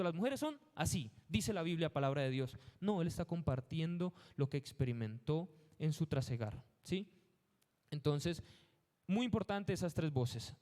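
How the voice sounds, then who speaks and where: A man preaching a Bible lesson, animated and rhetorical, acting out quoted speech. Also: fairly high pitch, in a large hall. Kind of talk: sermon.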